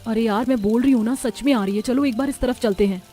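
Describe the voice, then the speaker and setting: A woman voicing a frightened young woman camping with friends in a cartoon, excitable and anxious. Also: on the high side, quick pace, lightly acted. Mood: chatty. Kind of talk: cartoon voice acting.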